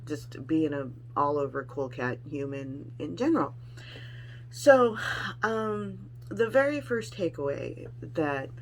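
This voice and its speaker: A woman's voice: deep voice, slight background noise, low-quality recording. Chatty, frank middle-aged woman. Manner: chatty, rambling, frank and salty. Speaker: vlogger sharing weight-loss surgery experience. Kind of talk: casual personal vlog.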